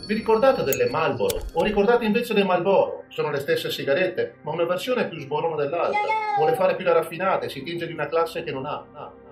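A man from Veneto hosts a scripted podcast monologue in a playful, self-mocking tone. His voice sits a bit high. The room is echoey, with music running behind him. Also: animated, brisk, hardly any pauses. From Veneto, Italy. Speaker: podcast host. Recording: roomy sound with background music.

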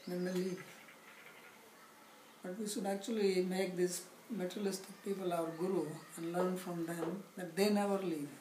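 A middle-aged man teaching a scripture class, speaking slowly and deliberately with wry humor and recited Sanskrit verses, recorded from a camera across a living room. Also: high-pitched, a little mellow. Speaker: spiritual teacher. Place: indoor living room, seated on a sofa. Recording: echoey room with background noise.

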